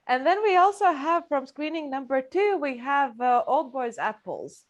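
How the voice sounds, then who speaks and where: A woman moderating an informal film panel, speaking in a hesitant, halting way. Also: high-pitched, big pitch swings, lo-fi sound.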